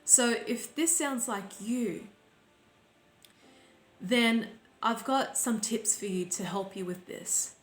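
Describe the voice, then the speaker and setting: A woman life coach speaking reflectively to her audience, in a slow, deliberate and gently instructive way. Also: on the high side. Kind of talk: reflective talk to camera. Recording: roomy sound with faint background music.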